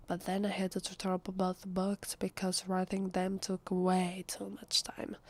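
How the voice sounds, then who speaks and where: A voice actress with an Italian accent plays a shy, lonely vampire pretending to be human in an ASMR roleplay. In a mid-range, breathy half-whisper, she speaks softly, hesitantly and intimately to the listener.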